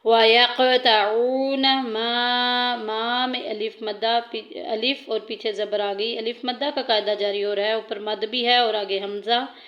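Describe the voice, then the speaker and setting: A woman teaching tajweed, patiently explaining each rule step by step between slow recited verses. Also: medium pitch, steady tone, muffled recording.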